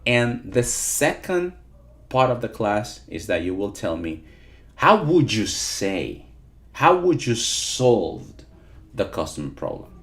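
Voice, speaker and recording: A man's voice: lowish voice, very animated, slow, a bit bright. A man teaching a live interactive online lesson, repeating points and often checking in with his listeners. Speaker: teacher of call-centre English.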